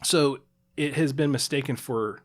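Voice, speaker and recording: A man's voice: mid-range voice, a little slow. A man co-hosting a podcast, explaining at length with fillers and restarts and playful asides. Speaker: podcast co-host. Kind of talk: casual chat.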